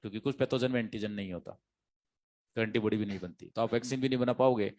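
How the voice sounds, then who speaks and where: A man's voice: on the low side, fast, darkish tone. A man teaching biology to exam students, an emphatic lecturer who repeats key phrases and quizzes his class.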